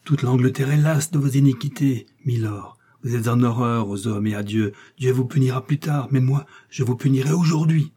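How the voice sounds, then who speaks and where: A man's voice: medium pitch, normal speed, mellow, husky, natural voice. A man doing a fervent zealous officer. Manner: fervent, pleading, insistent.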